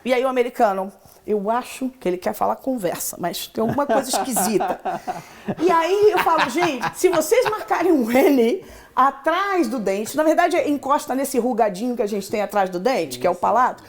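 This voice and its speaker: A woman's voice: on the high side, expressive, moderate pace. A woman with a Brazilian Portuguese accent, an English teacher telling stories in a casual podcast interview with enthusiasm and acted-out quotes.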